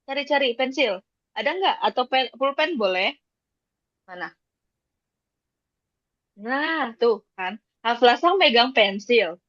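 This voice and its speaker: A woman's voice: on the high side, expressive, takes it slowly, pauses often, a bit bright, dry recording. A woman teaching Japanese to a class, patient, repeating points and checking that students follow. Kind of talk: classroom lesson. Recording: dull lo-fi dry sound.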